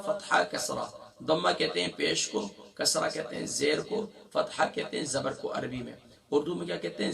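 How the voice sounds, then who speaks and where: A man with a sore throat teaching a Quran recitation lesson, spelling out words syllable by syllable and slowly drawing out the verses between quicker explanations. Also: a little high, creaky, fairly bright tone, far from the mic.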